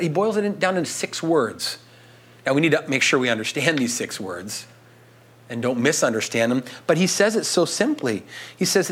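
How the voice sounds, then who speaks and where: A man's voice: fairly high pitch, a bit bright. A man as pastor preaching a sermon in a conversational way, often checking in with "right?".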